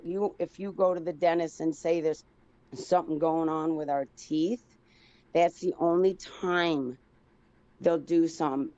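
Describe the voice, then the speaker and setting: Low-voiced woman on a speakerphone. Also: mellow, smooth, dry recording. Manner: eager, rambling, talks in runs of clauses. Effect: speakerphone call. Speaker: phone-in guest. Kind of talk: casual chat. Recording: dull lo-fi speakerphone line.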